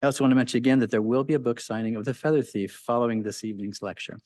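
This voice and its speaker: A man's voice: medium pitch, steady tone, rapid-fire, a little mellow, no room sound. A man hosting an event, reading announcements and a formal introduction of the guest speaker. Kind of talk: scripted introduction. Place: lecture hall.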